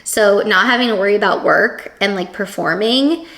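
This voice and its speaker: A woman's voice: mid-range voice, normal speed, creaky, a bit bright, a little hiss or hum. A woman vlogging in a casual, chatty way, laughing often and filling her talk with "like". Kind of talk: casual vlog chat.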